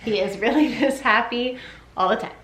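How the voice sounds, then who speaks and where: A mother filming a parenting vlog in her upstairs bedroom talks casually and chattily, rambling a bit in a giggly, informal way. Her voice is a little high and fairly bright, at a normal speed, and the room sounds echoey.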